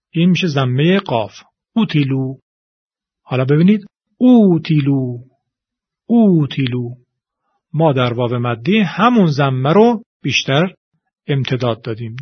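A man teaching a pronunciation lesson, speaking slowly and deliberately and drawing out the example words. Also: mid-range voice, slightly rough, no room sound, dull audio.

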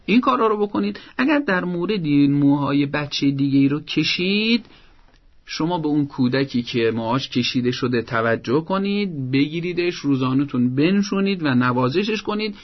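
With a slightly high voice and lively intonation, a man gives parenting advice on a broadcast show, firm and didactic as he lays things out step by step. The upper frequencies of the recording are cut off.

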